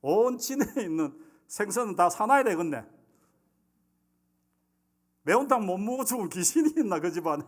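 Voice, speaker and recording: A man's voice: high-pitched, animated, moderate pace, long pauses, pitched above the performer's own voice. A man voicing an exasperated wife complaining sarcastically. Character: nagging exasperated housewife.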